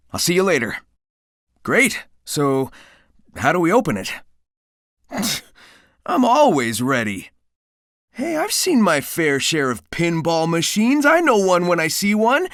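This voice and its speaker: A man's voice: sits high, a bit bright, no echo, studio quality, full character voice. A man voicing a cocky, upbeat young hedgehog speedster in a video game, with a breezy, wisecracking and confident way of talking. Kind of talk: animated video game dialogue.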